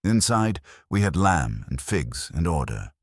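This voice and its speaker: Scripted and literary, this audiobook narration of a wry first-person detective tale comes from a man with an extremely deep voice, whose measured delivery is livened by a lot of pitch movement. The sound is close and dry, with no echo.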